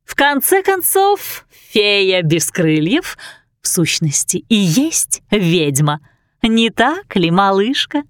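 A woman reading aloud, voicing three mocking witch sisters who taunt in a slow, drawn-out, sing-song way. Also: mid-range voice, expressive, a bit bright, no echo, clean studio sound. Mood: mocking chant.

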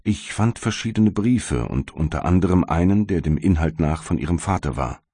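A man voicing a kindly but stern male magistrate in an audiobook, speaking in a measured way. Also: sits low, lively intonation, husky, no echo, clean studio sound, full character voice. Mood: concerned. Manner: gentle, measured, turning stern.

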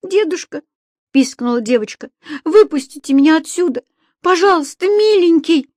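A woman's voice: very high voice, lively intonation, normal speed, darkish tone, dry recording, clean studio sound, voice pushed up. A woman voicing a terrified young schoolgirl, pleading and squealing in an audiobook story. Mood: frightened.

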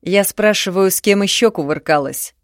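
A woman reading the lines of a coarse, domineering young man in an audiobook, curt and loud. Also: mid-range voice, normal speed, no echo, studio quality, voice pushed up, close to an everyday voice. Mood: angry, contemptuous.

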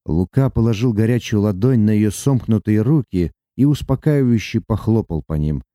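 A man narrating a novel as an audiobook, reading in an expressive, dramatic way. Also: lowish voice, moderate pace, no room sound, clean studio sound.

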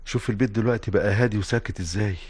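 Fast-talking, chatty Egyptian husband. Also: male voice, fairly low pitch, a little mellow, husky. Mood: fond. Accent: Egyptian Arabic. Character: bookish, talkative husband, fondly grumbling about his blunt wife. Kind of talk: Egyptian radio comedy acting.

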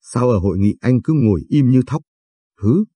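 Guy reading as a teasing young village gal, playful, dark mellow tone. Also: mid-range voice, expressive, normal speed, breathy edge, no room sound. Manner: playful, needling.

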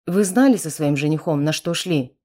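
A woman voicing a coarse, mocking male bandit in an audiobook, with a hoarse delivery. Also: fairly high pitch, expressive, normal speed, darkish tone.

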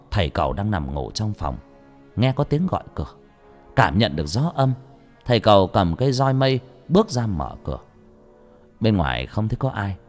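A man narrating a ghost story in an expressive storytelling manner. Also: fairly low pitch. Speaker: audiobook narrator. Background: faint background music.

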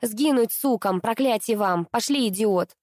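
A woman's voice: on the high side, measured pace, a little mellow, no echo, studio quality, natural voice. A woman reading aloud, voicing a spiteful, selfish young woman who whines and shrieks. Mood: furious. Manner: whiny, demanding, shrieking.

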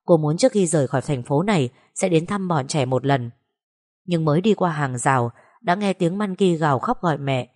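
Woman storyteller, low voice, steady delivery. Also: a little fast. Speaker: narrator. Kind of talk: audiobook narration of a drama story.

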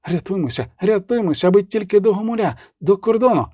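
A man's voice: high-pitched, lively intonation, fast, darkish tone, no room sound, studio quality. A man voicing an anxious retainer who pleads in a trembling voice to flee. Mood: pleading. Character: trembling anxious male retainer urging flight.

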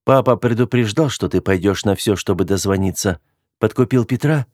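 A man's voice: fairly low pitch, normal speed, darkish tone, no echo, close to an everyday voice. A man reading the part of a proud, hurt young woman with a cutting, scornful way of speaking, in a dry, close recording. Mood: brisk.

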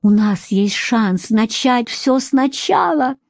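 A lovestruck woman speaks softly and slowly, stretching her words as she pleads, as a woman reads her in an audiobook. Her voice lifts higher than the narration, and the recording is dry and close. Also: expressive, creaky, no room sound, full character voice. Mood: tender. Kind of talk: audiobook reading.

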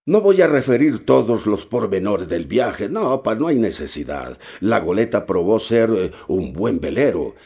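A man reading a novel aloud as narrator, steady and measured with occasional hesitations. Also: lowish voice, creaky, breathy edge. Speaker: audiobook narrator.

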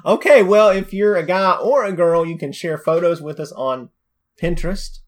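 A man's voice: high-pitched, normal speed. A man co-hosting a podcast, chatting casually with easygoing, rambling jokes. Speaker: podcast co-host. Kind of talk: casual chat.

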